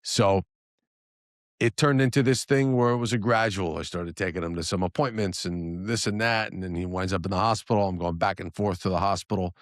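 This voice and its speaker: Low-voiced man on a solo podcast. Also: fairly quick, dry recording, studio quality. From New Jersey area. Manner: conversational, frequent restarts and asides. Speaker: podcast host.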